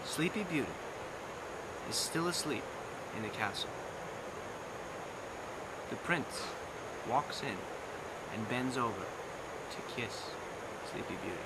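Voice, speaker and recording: A young man with an animated, mid-range voice acts as narrator in a live theatrical bedtime story outdoors on a lawn. He draws out and repeats phrases dramatically and playfully, and the amateur live recording is noisy.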